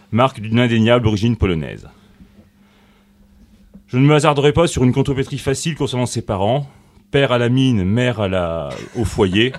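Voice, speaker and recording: A man's voice: on the low side, a little mellow. A man from Corsica reading a written comic tribute on the radio, with a mock-solemn, ironic delivery, recorded in a radio studio. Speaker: guest columnist.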